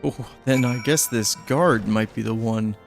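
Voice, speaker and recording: A man's voice: fairly low pitch, a little slow, vocal fry, soft background music. Chatty man commenting on gameplay. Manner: chatty, joking asides to the game. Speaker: gaming streamer.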